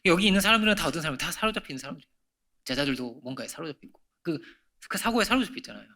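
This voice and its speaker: A man's voice: a little high, lively intonation, rapid-fire, bright, forceful tone. A middle-aged man preaching a Sunday sermon in a church, talking conversationally, asking frequent rhetorical questions and swinging from emphatic peaks to near-whispers. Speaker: pastor. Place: church sanctuary.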